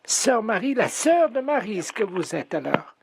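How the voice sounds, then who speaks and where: A man's voice: high voice, big pitch swings, measured pace, gravelly, heavy background noise, heavily acted. A man playing a muddled, hard-of-hearing old woman with a hearing aid on a prank call, mishearing everything in a fussy, plaintive way. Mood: confused.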